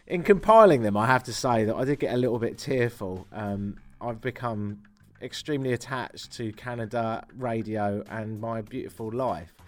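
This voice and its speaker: A man's voice: medium pitch, normal speed, soft background music. A middle-aged man from England hosting a farewell radio show, talking with dry, self-mocking humor and a taste for ranting. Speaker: radio host.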